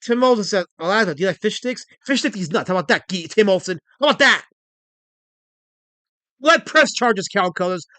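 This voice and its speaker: A man in his forties hosting a casual livestream, excitable and rambling as he reads chat messages aloud. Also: high voice, a little fast, no echo. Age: 40s. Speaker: livestream host.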